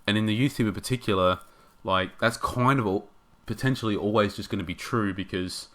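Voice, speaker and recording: A man giving casual game commentary, thinking aloud and rambling with hesitations, his voice getting hoarse. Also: on the low side, brisk, fairly bright tone.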